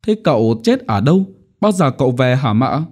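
A man voicing a small, naive boy in a storybook reading, asking high, coaxing questions. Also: sing-song, normal speed, a little mellow. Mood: innocent questioning.

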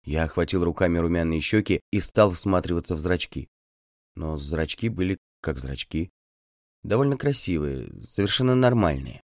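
A man reading a literary audiobook in the first person with measured, deliberate storytelling. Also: low-pitched, expressive, no echo, clean studio sound. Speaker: audiobook reader.

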